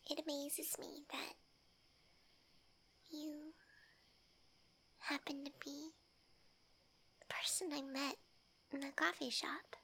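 A woman in a romance roleplay, talking softly in a shy, gentle, affectionate way and often dropping to a whisper. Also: high-pitched, flat delivery, slow, long pauses, slight background noise.

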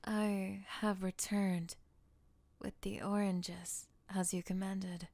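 A woman voicing a calm young woman who frees her boyfriend by counter-hypnosis, speaking softly and soothingly in an audio roleplay. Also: medium pitch, takes it slowly, no room sound. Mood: flat, obedient. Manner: soft, whispery, soothing hypnotic delivery.

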